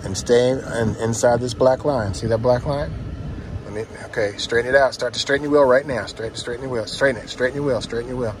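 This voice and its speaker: Guy being a driving instructor, short repeated commands, regular pitch, noisy car recording. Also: brisk. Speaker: driving instructor, teaching a learner. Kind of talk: hands-on driving lesson instruction. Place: inside a parked or slowly moving van. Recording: noisy inside a vehicle.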